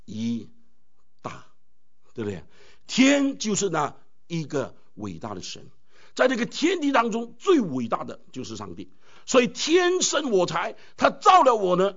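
A man preaching a sermon as a pastor, animated and full of rhetorical questions to the congregation. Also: a little high. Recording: dull lo-fi recording.

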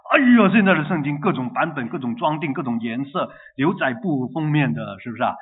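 A man preaching a sermon in a lively way, asking the congregation questions and repeating phrases in rhythm. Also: mid-range voice, fairly quick. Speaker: pastor. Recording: tinny phone-like line.

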